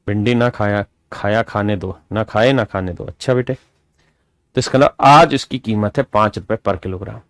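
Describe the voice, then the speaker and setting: A man teaching an arithmetic class, lively and coaxing, often asking his students whether they follow. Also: fairly low pitch, moderate pace, no room sound, studio quality. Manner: lively, calls students "my dear children", rhetorical questions. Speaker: maths teacher. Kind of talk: classroom maths lesson.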